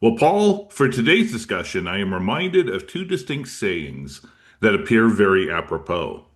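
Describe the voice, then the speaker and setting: A man's voice: fairly low pitch, sing-song, a little slow. A man hosting and opening a commentary show with wordy, formal phrasing. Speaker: host.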